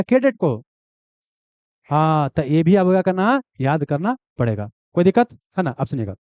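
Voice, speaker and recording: A man's voice: sits high, darkish tone, clean tone, no echo. A man teaching an exam coaching class, repeating key answers and asking and answering his own questions. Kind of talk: classroom lecture. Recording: dull, dry, lo-fi sound.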